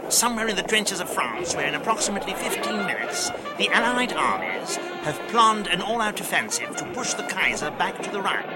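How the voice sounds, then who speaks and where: A breathless frontline war correspondent, as a man puts him on, rattling off the report in a high, lively voice. The bulletin rushes along over loud music in an old-time radio style. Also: over a noisy crowd. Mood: urgent. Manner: urgent, rapid bulletin delivery. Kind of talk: mock radio news report.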